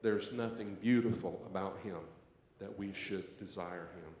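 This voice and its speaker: A pastor with a low, slightly mellow voice speaks a little slowly as he introduces a church service and guides a scripture reading in the sanctuary. Echo from the church and faint background noise come through.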